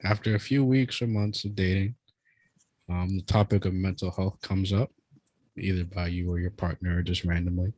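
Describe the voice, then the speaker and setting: Deep-voiced casual male podcast host. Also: fairly even intonation, moderate pace, a little mellow, dry recording, low-quality recording. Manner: loose, filler-heavy presenting.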